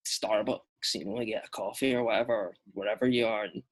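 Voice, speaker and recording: A young Scottish man, an actor guest, chatting casually on a podcast with lots of fillers and lively storytelling. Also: lowish voice, brisk, a little hiss or hum.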